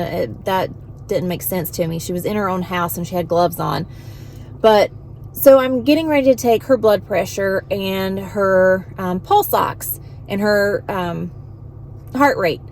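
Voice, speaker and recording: A woman's voice: medium pitch, darkish tone, slight background noise. Exasperated woman venting a story. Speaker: vlogger and home health worker.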